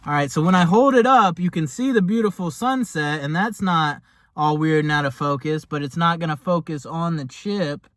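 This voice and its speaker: A man's voice: fairly high pitch, normal speed, a bit bright, no room sound. A man giving a casual, rambling food review in a laid-back, chatty way, as host of a taste test. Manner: rambling, laid-back, hesitant phrasing with lots of "like".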